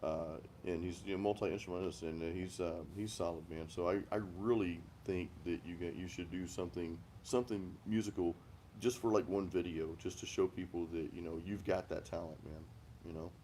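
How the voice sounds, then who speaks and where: A man's voice: low voice, steady tone, brisk, dark tone, slight background noise. A man in a casual chat, talking in a laid-back, slangy, buddy-like way. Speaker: co-host or guest on a live chat.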